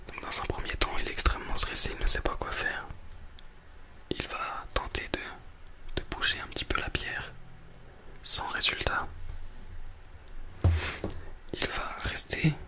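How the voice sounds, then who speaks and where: A person speaking in a soft, breathy library whisper, presenting a book and film as an ASMR host close to a binaural microphone. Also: a little slow, long pauses, rough recording.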